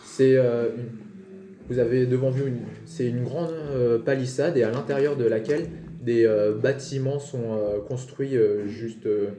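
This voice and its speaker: A man's voice: mid-range voice, warm tone. A man running a tabletop game as game master, improvising narration and often searching for words. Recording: roomy with faint noise.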